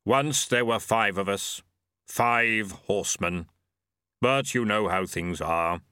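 A man voicing Death, a grave skeletal figure who speaks slowly and deliberately. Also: bright, forceful tone, clear, resonant tone, no echo, clean studio sound. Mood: wry. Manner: deep, slow, measured. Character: Death, a grave, slow-spoken male skeleton.

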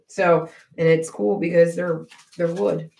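A woman's voice: on the low side, takes it slowly, creaky, echoey room. A woman co-hosting a podcast in casual chat, teasing and laughing often. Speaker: podcast co-host.

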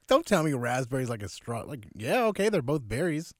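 A man's voice: medium pitch, big pitch swings, fairly quick, no echo, studio quality. Giggly man co-hosting a podcast. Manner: giggly, playful, laughs between lines. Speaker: podcast co-host. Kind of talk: casual chat.

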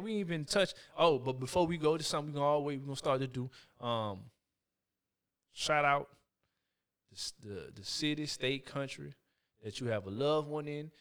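A man's voice: fairly high pitch, animated, moderate pace, a bit bright. A man co-hosting a casual chat podcast, laid-back and slangy with lots of fillers. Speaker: podcast co-host.

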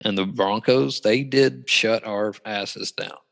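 Gravelly, bright-voiced man in an echoey room. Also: on the low side, takes it slowly. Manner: emphatic, swears, vivid exaggeration. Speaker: podcast co-host. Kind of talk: casual sports chat. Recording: roomy echo.

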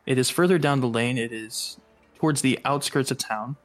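A man at a middle pitch running a tabletop game as its game master. He describes each scene plainly and calmly. Faint music plays underneath. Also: normal speed.

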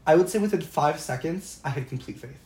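Brief: female co-host, low pitch, eager casual chatter, echoey room. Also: lively intonation, brisk, mellow. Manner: gushing, fills speech with "like". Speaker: podcast co-host. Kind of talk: enthusiastic casual chat.

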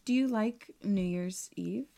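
A woman's voice: mid-range voice, slow pace, vocal fry, warm tone. A woman co-hosting a podcast in casual banter, teasing with playful mock earnestness. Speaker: podcast co-host.

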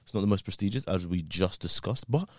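Man, podcast host, low voice, dry close sound, slangy football banter. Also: dry recording. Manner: lively, slangy, quick to laugh. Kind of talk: casual football chat.

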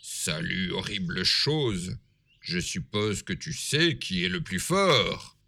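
A man's voice: lowish voice, sing-song, slow, gravelly, full character voice. Man putting on a bragging big bad wolf. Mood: boastful. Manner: loud, swaggering, self-satisfied.

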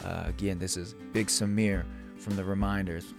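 Man, podcast host, low voice, relaxed and loose, faint music behind. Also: normal speed, vocal fry. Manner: relaxed, loose, many fillers and restarts. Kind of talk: casual podcast chat.

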